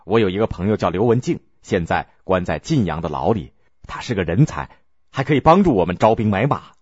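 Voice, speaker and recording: A man's voice: low-pitched, big pitch swings, fairly quick, a little mellow, breathy edge, no echo, exaggerated voice. Earnest young prince, read by a male narrator, dull lo-fi sound. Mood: persuasive. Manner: earnest, persuasive. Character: young male prince urging his father to revolt. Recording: dull lo-fi recording.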